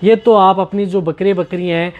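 A man's voice: high-pitched, level tone, normal speed, phone-quality sound. A man hosting a goat care channel, patiently explaining treatments step by step and often repeating himself. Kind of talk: instructional talk on goat health.

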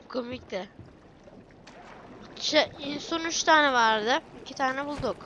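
High bright chatty woman gamer. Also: slow pace, muffled recording, a little hiss or hum. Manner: chatty, excitable, talks to herself and viewers. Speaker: gameplay streamer. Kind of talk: let's play commentary.

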